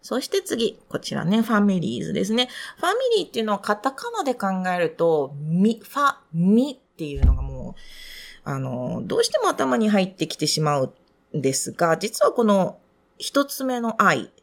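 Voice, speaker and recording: Young adult woman, pronunciation tutor, polite and patient, very animated pitch, gravelly edge. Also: moderate pace. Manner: polite, patient, explanatory, lively rises in pitch. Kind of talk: recorded feedback on a student's reading.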